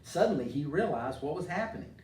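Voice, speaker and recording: Fast and very animated, with a slightly high, somewhat mellow voice, a middle-aged American mayor chats informally with children and reads them a storybook in his role as community leader. The sound is roomy and distant, with faint noise.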